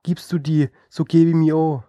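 A man's voice: on the high side, little pitch movement, measured pace, dark tone, no room sound, clean studio sound, natural voice. A man voicing a group of six foolish Swabian men in a storybook, calling eagerly in Swabian dialect.

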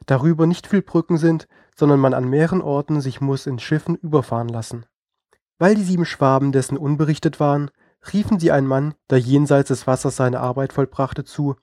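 A man reading a fairy tale aloud in a calm, even storytelling manner. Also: a little high, no echo, studio quality. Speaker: narrator.

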